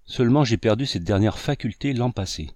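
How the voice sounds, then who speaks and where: A man voicing an eager girl of about sixteen, higher and louder than his narration. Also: expressive, fairly quick, no room sound, clean studio sound, lightly acted.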